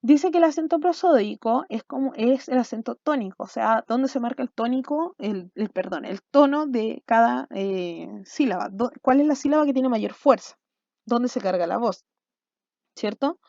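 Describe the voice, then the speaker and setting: A woman's voice: on the high side, animated, normal speed, gravelly, mellow, no room sound, lo-fi sound. Woman teacher explaining grammar. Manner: explanatory, checks in with "¿ya?" and "¿cierto?". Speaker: school language teacher. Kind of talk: recorded video lesson.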